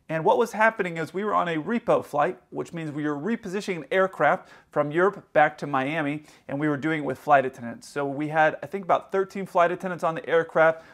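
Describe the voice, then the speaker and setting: Male pilot in his thirties, slightly raised pitch, chatty vlog storyteller on camera from a hotel room. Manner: animated, acts out other people's lines in quick quoted bits. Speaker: airline pilot telling stories.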